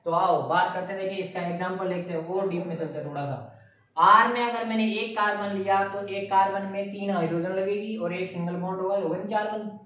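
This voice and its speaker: A man teaching a chemistry lesson, animated and often quizzing his students. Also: high voice, fairly quick. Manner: animated, keeps quizzing the class. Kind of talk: classroom lecture. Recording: roomy, distant, muffled sound.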